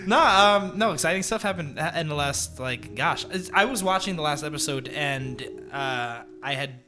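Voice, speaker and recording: A man's voice: fairly high pitch, animated, normal speed, bright, forceful tone, faint music behind. A man rambling and giggling as he chats with friends on a tabletop game stream. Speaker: player. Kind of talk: casual chat on a live stream.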